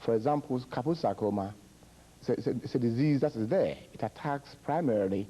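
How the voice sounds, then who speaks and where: A middle-aged Ghanaian man who directs a public health project explains a disease's history in measured, halting answers full of repeated words and fillers. His voice is mid-range and warm, and the recording is rough.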